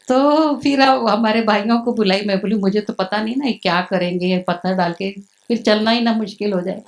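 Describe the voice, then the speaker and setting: Middle-aged woman, animated storyteller, mid-pitched, acts out the dialogue in her stories. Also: brisk, poor audio. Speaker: spiritual center sister sharing experiences. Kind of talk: storytelling talk.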